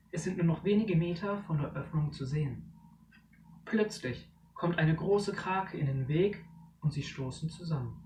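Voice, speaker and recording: A storyteller reading a short story aloud in a measured way. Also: medium pitch, a little mellow. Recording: echoey room, distant mic, faint noise.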